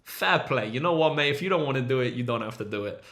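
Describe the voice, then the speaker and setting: A man's voice: medium pitch, animated, fast talker, a bit bright. Upbeat man hosting a maths livestream. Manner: upbeat, hypes up viewers, reads chat names aloud. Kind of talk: casual livestream teaching.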